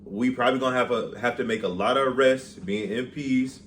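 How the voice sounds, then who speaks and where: A man's voice: mid-range voice, fairly quick, a bit bright. A young man co-hosting a casual podcast, easygoing and slangy, recorded on a phone. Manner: easygoing, laughs along, slangy. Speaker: podcast co-host. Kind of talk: casual chat. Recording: faint ambient noise, phone mic.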